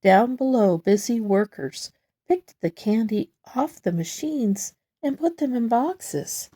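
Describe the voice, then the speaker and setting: A woman reads a picture book aloud to young children in a soft, mellow voice. She goes slowly, her pitch lively and expressive, and she stresses key words as the story unfolds.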